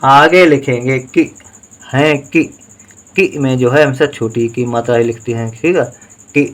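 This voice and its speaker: A man teaching handwriting, slowly sounding out each syllable and vowel sign in a patient dictation. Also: mid-range voice. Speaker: Hindi writing teacher. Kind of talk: slow spelling dictation lesson.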